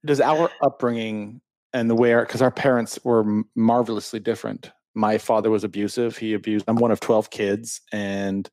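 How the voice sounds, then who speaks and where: A man's voice: fairly low pitch, fairly even intonation, moderate pace, darkish tone, no echo. A man hosting a podcast, asking long, rambling questions and correcting himself midway. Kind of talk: interviewing guests.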